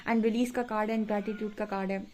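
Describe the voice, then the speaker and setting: A woman's voice: medium pitch, fairly even intonation, fast talker, a little mellow, a little hiss or hum. A young woman giving a casual spiritual tarot reading to camera, chatty and repetitive, mixing English words into Hindi. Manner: chatty, repeats "ठीक है" and "देखिए", mixes English words into Hindi. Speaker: tarot reader.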